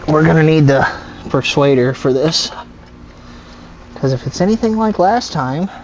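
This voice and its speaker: A man's voice: fairly high pitch, lively intonation, a little slow, darkish tone, highs cut off, a little hiss or hum. A man co-hosting a casual truck repair vlog in a garage, explaining steps with wry, joking banter. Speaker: co-host of a repair channel.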